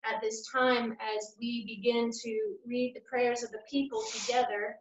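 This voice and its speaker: Leading liturgical prayers at a measured, steady pace, a church worship leader speaks in a slightly high voice. She's captured by a webcam in a small room at home, so the audio is echoey, a bit dull and lo-fi, with a little hiss or hum.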